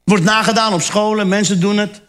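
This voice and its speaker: A middle-aged man doing stand-up comedy, often slipping into loud character voices. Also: sits high, a little fast. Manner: animated, switches into shouted character voices.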